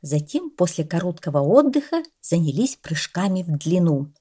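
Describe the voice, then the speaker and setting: A woman narrating a children's animal story in a measured, expressive way. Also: fairly low pitch, husky.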